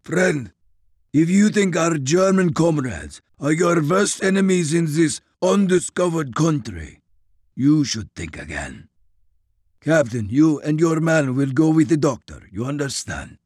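A stern, commanding soldier, as a male narrator puts him on, clipped and loud, his pitch pushed up above the narrator's. Every sentence lands like an order. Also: big pitch swings, unhurried, husky, no echo, clean studio sound, heavily acted.

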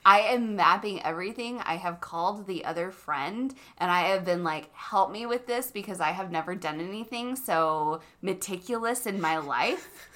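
A woman's voice: lowish voice, normal speed, sharp tone. A young adult woman co-hosting a podcast, chatting casually and emphatically, laughing often. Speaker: podcast co-host. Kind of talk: casual chat.

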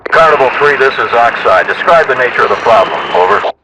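A man's voice: medium pitch, animated, fast. A man playing a male base radio controller who gives orders in clipped radio procedure, heard over a military radio. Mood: brisk. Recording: distant noisy radio transmission.

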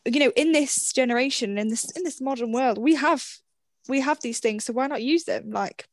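A young woman co-hosting a podcast, chatting in an opinionated way with quick quips. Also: sits high, dry recording. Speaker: podcast co-host. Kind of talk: casual chat.

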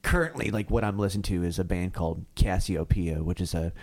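A man's voice: sits low, fairly quick, darkish tone. A man in his early thirties from Kentucky, a guest musician talking in a laid-back way, full of "like" and "uh". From Kentucky, USA. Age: 30s. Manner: laid-back, leans on "like" and "uh" a lot. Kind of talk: casual interview chat.

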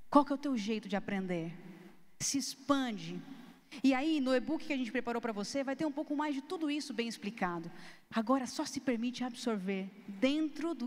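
A woman teaching a video lesson. Her voice sits fairly high, and she talks casually and emphatically to the viewer. A long reverb trails behind her words, as in a hall. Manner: lively, emphatic, changes tone and pace often to demonstrate; casual Brazilian slang, addresses viewers directly. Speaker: youth ministry teacher. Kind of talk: recorded video lesson with slides.

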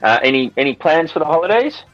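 A man's voice: on the high side, sing-song, fast, fairly bright tone, no echo, lo-fi sound, soft background music. A middle-aged man hosting a casual podcast chat in an informal way. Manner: informal, says mate. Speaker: podcast host.

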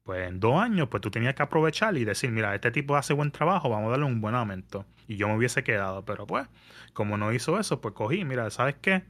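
A man, telling a story in casual podcast chat, animated and mixing in English words. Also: mid-range voice, quick pace. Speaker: podcast guest. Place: New York area.

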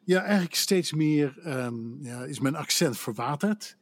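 A man's voice: a little high, animated, a little slow. A Dutch man who works as a voice actor, chatting casually on a podcast and telling stories with self-deprecating humor. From Netherlands. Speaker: voice actor guest.

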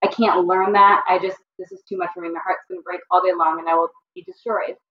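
A woman's voice: lowish voice, level tone, fast. Woman, school counselor, candid storytelling, lots of ums, far from mic, echoey, muffled. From Chicago area, USA. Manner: candid, frequent ums and self-corrections. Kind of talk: casual interview storytelling.

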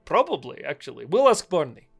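A woman improvises casual in-character chat as a player in a tabletop game. She is effusive and jokey, and her pitch moves around a lot. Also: big pitch swings, brisk, creaky, breathy edge, faint music behind.

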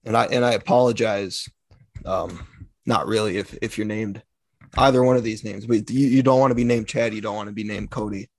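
A man's voice: on the low side, fairly even intonation, a little fast, creaky. A man co-hosting a casual podcast with a dry, joking, laid-back way of talking. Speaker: podcast co-host.

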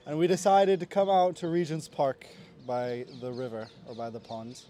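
A man's voice: a little high, expressive, normal speed, mellow, a little hiss or hum. A man hosting a casual podcast chat, recorded outdoors in a park gazebo, with dry, wry remarks. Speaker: podcast host. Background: birdsong and faint Christmas music.

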